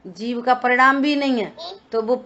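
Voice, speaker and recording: A woman's voice: fairly high pitch, moderate pace, a bit bright. Woman explaining scripture, dull lo-fi sound. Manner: explanatory, asks and answers her own questions. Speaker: scripture study teacher. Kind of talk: explaining scripture in a study session. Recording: dull lo-fi recording.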